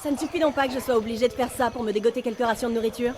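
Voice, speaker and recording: Actress as a bitter worn-out working woman in a game, very rapid talk, higher voice. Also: fairly even intonation, darkish tone, lightly acted. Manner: quick, resentful retorts.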